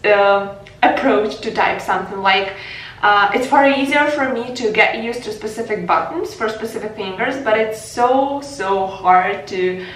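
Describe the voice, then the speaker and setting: A woman's voice: medium pitch, a little slow, fairly bright tone. Young Ukrainian woman in an echoey room. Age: young adult. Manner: earnest, with frequent fillers and restarts. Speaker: vlogger. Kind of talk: casual vlog narration. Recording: echoey room with faint music.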